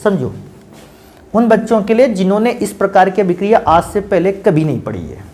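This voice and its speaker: A man's voice: sits high, animated, normal speed, a little mellow. Chatty chemistry teacher, man. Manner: addresses students as beta and bhaiya, asks and answers his own questions. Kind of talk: classroom lecture.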